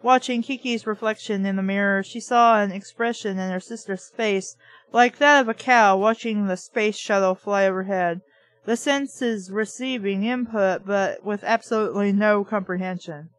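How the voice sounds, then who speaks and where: Reading from a book in a mid-range voice at a normal pace, a woman breaks off repeatedly to swear, mock, and argue with what it says. Her commentary is opinionated and blunt, and the recording is dry.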